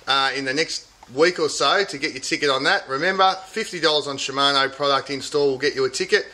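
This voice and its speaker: Middle-aged Aussie shop host, bright voice, easygoing sales patter, fishing report to camera. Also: male voice, on the high side, slight background noise. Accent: Australian. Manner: chatty, upbeat salesman patter. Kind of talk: casual product and fishing report. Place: inside a large tackle shop. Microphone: camera at close range.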